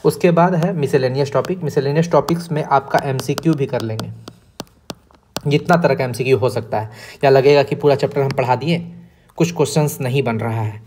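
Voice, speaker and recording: Man, exam-prep teacher, explanatory, checks in often, medium pitch. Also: fairly quick, a little mellow, slight background noise. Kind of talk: exam-prep lesson planning.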